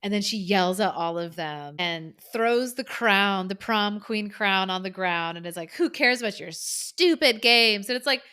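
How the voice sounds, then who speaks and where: Woman podcast co-host, 30s, lively movie recap, jumps into quoted voices. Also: mid-range voice, normal speed, hardly any pauses, clean tone. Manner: animated, acts out quotes, swears for emphasis. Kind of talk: casual movie recap chat.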